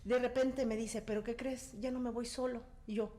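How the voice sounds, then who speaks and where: A woman shares a personal story as a guest. She is animated and acts out the quoted lines, in a fairly high voice. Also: moderate pace. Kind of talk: casual testimony.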